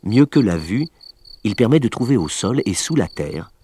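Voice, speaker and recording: A low-pitched male narrator reads a nature documentary script in measured, explanatory phrases. Faint insect noise, like crickets, sits behind his voice. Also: big pitch swings, mellow.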